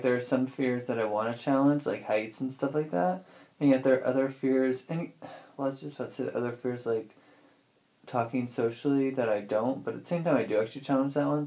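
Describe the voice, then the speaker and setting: This young adult man, a personal audio diarist, talks casually to himself in a rambling, informal monologue that keeps interrupting itself. His medium-pitched voice is mellow and fairly quick as he thinks aloud.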